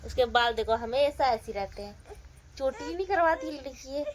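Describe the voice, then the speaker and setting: A woman's voice: sits high, animated, normal speed, background noise. A woman in her thirties, a mother, chatting casually to her viewers at home in a family vlog, fondly grumbling about her child. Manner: chatty, scolding-fond, addresses viewers directly.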